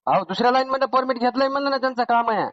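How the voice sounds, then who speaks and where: A man's voice: extremely high pitch, rapid-fire, a bit bright, no echo. Lineman, man, on the phone, defensive and repetitive, dry dull line sound. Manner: defensive, insistently repeating himself. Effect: over a phone line. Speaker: electricity lineman. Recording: muffled, dry phone call recording.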